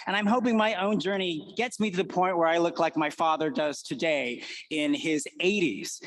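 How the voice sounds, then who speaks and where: High-voiced man giving a keynote talk. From United States. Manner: earnest, personal storytelling. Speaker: conference speaker.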